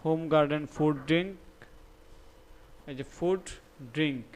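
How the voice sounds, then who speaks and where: A man's voice: on the high side, unhurried, slight background noise. A young man with a Sylheti-tinged Bangla accent teaching a live online class, thinking aloud, repeating words and checking that students follow. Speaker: instructor.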